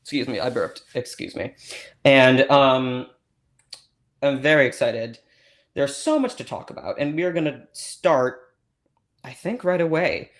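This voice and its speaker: A man's voice: mid-range voice, expressive, a little slow, pauses often. A man playing a scatterbrained, over-eager host of an awards-predictions livestream, who rambles and gushes with lots of ums and restarts.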